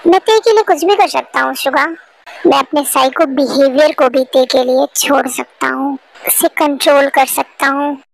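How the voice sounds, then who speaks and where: A woman voicing a possessive young male CEO in an amateur fan dub, speaking low, calm and devoted. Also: moderate pace, vocal fry, rough recording. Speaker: fan dubber.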